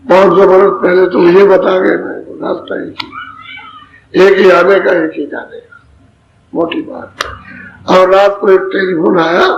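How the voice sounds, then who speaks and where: A man with a high voice delivers a spiritual sermon, explaining patiently and repeating key phrases. The recording is dull and lo-fi, with a faint hiss underneath. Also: vocal fry. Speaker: spiritual teacher. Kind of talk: satsang sermon.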